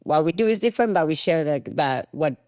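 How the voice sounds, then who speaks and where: A woman's voice: low-pitched, animated, fairly quick, darkish tone, no room sound, clean studio sound. A middle-aged woman from Argentina with an Argentine accent, a podcast guest talking casually and laughing often, with many "you know" fillers. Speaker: guest, tango studio founder.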